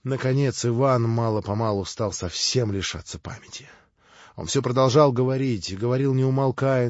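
Measured male audiobook narrator, dull lo-fi sound. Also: mid-range voice, a little mellow, no room sound.

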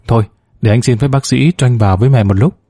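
A man's voice: medium pitch, quick pace, mellow, slightly rough, no echo. A man reading the lines of a respectful, earnest young husband and son-in-law.

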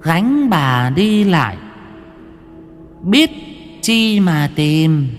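A man voicing an eerie ghostly child, chanting slow and drawn out. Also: a little high, sing-song, big-room sound, soft background music, pitched above the performer's own voice, full character voice.

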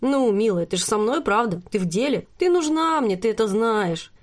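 A woman reading the lines of a smooth-talking, manipulative young male star in an audiobook, in a soft coaxing manner. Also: fairly high pitch, lively intonation, moderate pace, lightly acted. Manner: coaxing, murmuring.

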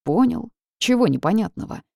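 Woman voicing a meek male barn spirit, raised voice, flustered, gravelly edge. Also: on the high side, expressive, moderate pace, darkish tone, dry recording, clean studio sound, voice pushed up.

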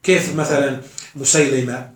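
A man's voice: mid-range voice, steady tone, normal speed. A man teaching a class as a sheikh, often asking his students questions and answering them himself. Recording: echoey room, mic far off.

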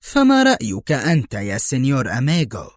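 A man voicing a greedy, nervous male prison boss who wheedles and turns shrill when angered, in a storybook reading. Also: huge pitch swings, brisk, no room sound, clean studio sound. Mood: scheming.

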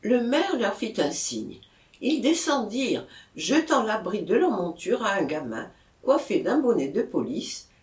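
A reader narrating a classic novel in a slow, expressive storytelling manner. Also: medium pitch. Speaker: audiobook reader. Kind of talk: literary audiobook narration. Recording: roomy echo.

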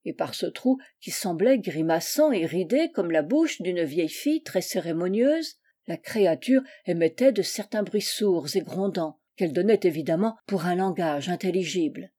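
Audiobook narrator: woman, steady and expressive, soft dark tone. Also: lowish voice, moderate pace, few pauses. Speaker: reader.

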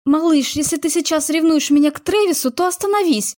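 A woman's voice: sits high, expressive, moderate pace, dry recording, clean studio sound, voice pushed up. Woman playing a fiery defensive young girlfriend. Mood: heated. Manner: heated, pleading outbursts.

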